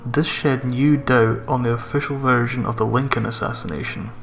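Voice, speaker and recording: Man narrating a creepy story, creaky voice. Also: medium pitch, steady tone, moderate pace, a bit bright, slight background noise. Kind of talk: scripted horror story narration. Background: music.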